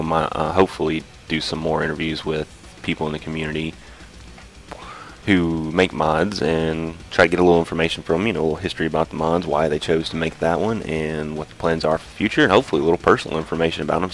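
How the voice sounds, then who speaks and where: Very deep-voiced man hosting an interview. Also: fairly even intonation, fast talker, gravelly. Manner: loose, filler-heavy. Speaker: host. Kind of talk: casual interview.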